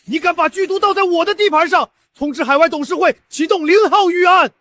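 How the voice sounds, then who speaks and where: A man's voice: extremely high pitch, fairly quick, bright, forceful tone. An actor playing a scheming villain boss in a drama who snarls threats and sneers at his rivals. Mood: furious. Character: scheming male villain boss, furious and gloating.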